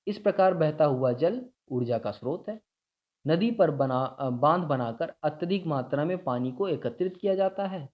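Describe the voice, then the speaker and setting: A man's voice: fairly high pitch, animated, moderate pace. A man explaining a school science lesson step by step, often checking in with his students. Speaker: teacher. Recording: dull lo-fi sound.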